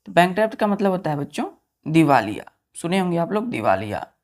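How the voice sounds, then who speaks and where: A woman's voice: lowish voice, sing-song, fairly quick, darkish tone. A woman teaching vocabulary to students, spelling words letter by letter and asking quiz-style questions. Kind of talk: vocabulary lesson for exam students.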